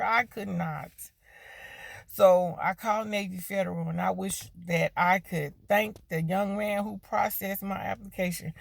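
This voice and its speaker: Her mid-range voice is gravelly, and there's no echo in the recording. A grateful customer in her fifties, she offers a heartfelt, emotional thank-you testimonial, driving her points home by repeating "when I tell you."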